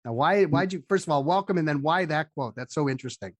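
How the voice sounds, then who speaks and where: A man's voice: fairly high pitch, fast talker, dry recording. A man hosting a podcast in a casual, jokey, informal interview style. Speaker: podcast host.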